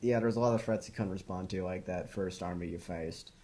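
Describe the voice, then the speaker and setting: Husky deep-voiced male co-host, easygoing agreeing chat. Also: brisk, dark tone. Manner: supportive listener, frequent short agreements. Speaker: podcast co-host. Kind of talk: casual chat.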